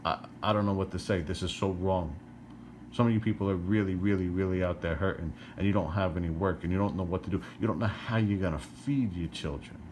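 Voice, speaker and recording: A man's voice: sits low, brisk, darkish tone, slight background noise. A middle-aged man from New Jersey ranting to camera, exasperated, firing rhetorical questions and repeating himself. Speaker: vlogger.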